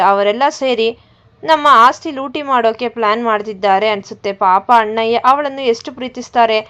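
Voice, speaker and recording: A woman's voice: on the high side, fairly bright tone, close to an everyday voice. A woman doing a sly, fake-tearful schemer. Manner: whining, pleading tone that hides spite. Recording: dull lo-fi recording.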